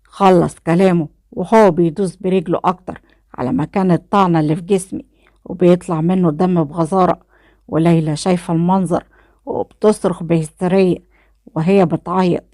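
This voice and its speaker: A woman with an Egyptian accent reading a romantic story aloud in the first person, in a steady voice. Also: lowish voice, brisk, dry recording, studio quality. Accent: Egyptian Arabic.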